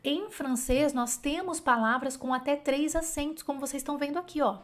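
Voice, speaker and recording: A woman's voice: sits high, fairly quick. A woman teaching French in a casual online lesson, chatty and encouraging, often thinking aloud and correcting herself. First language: Portuguese.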